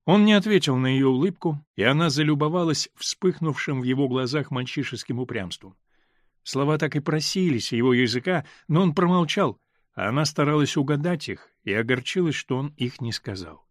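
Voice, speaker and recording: A man reading a novel aloud as narrator, in a calm, measured way. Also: mid-range voice, dry recording, clean studio sound. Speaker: audiobook reader. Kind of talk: scripted literary narration.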